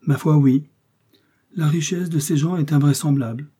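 A man's voice: on the high side, fairly even intonation, normal speed, mellow, breathy edge, pitched above the performer's own voice. A man reading aloud, voicing a tender, anxious young woman with a pleading, trembling manner. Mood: nervous.

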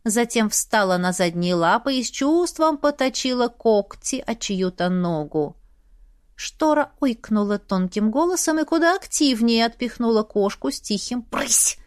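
A woman narrating a first-person audiobook in a steady storytelling manner. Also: on the high side, moderate pace, dry recording, clean studio sound.

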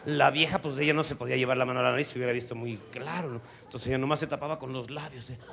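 Gravelly Mexican man telling a crude comic story. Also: fairly even intonation, rapid-fire, noisy background. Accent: Mexican Spanish. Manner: profane, drawling punchlines, jumps into high squeaky voices for quoted people. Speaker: stand-up comedian.

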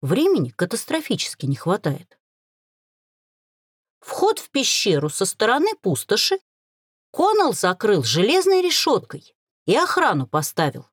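A woman narrating a novel in the first person, with expressive storytelling. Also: medium pitch, a little slow, pauses often, husky, dry recording, clean studio sound. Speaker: audiobook narrator.

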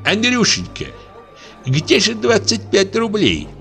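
A man voicing an indignant lower-class older mother who scolds in plain folk speech in an audiobook play. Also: wildly swooping pitch, slow, a bit bright, faint music behind, heavily acted.

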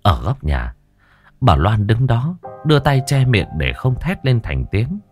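A man narrating a scripted horror story in a dramatic, drawn-out storytelling manner. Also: mid-range voice, huge pitch swings, darkish tone. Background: faint music.

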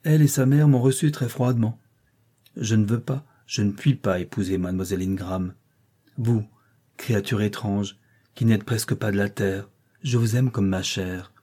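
A man reading the part of a brooding, passionate middle-aged gentleman in an audiobook, urgent and pleading. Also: lowish voice, steady tone, normal speed, close to an everyday voice.

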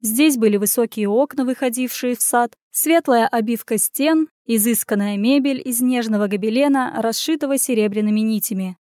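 A woman's voice: fairly high pitch, moderate pace, hardly any pauses, a little mellow, no room sound, studio quality. Woman narrating a fantasy audiobook. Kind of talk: scripted narration of a fantasy novel.

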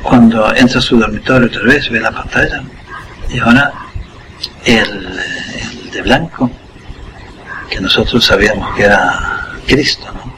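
An older man, a guest on a school radio program, telling a personal story in an unhurried way and acting out the scene with short asides. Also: on the low side, background noise. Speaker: interview guest.

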